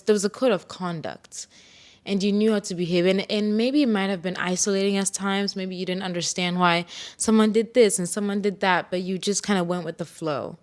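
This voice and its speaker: A woman's voice: on the low side, a little mellow. A young woman from Ghana hosting a solo podcast, telling personal stories in a candid, reflective way with bursts of playful self-hype. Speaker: podcast host.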